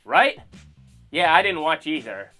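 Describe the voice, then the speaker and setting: A man's voice: on the high side, unhurried, soft background music. Sarcastic man hosting a comedy show. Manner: mocking, sarcastic, animated asides.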